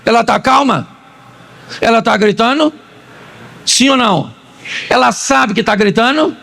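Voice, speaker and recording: Gravelly, high-voiced joking preacher. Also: male voice, a little slow. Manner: animated, joking storytelling with acted-out quotes. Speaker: pastor. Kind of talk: humorous sermon.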